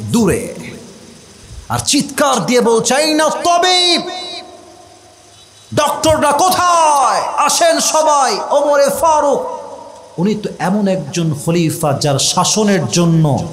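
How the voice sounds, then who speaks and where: Male preacher with a rajshahi bengali accent, dramatic storyteller, high, lively voice. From Rajshahi, Bangladesh. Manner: dramatic storytelling, acting out quotes with shouts and sudden drops to soft voice. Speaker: Islamic preacher. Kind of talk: dramatic waz sermon. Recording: echoey, faint background noise.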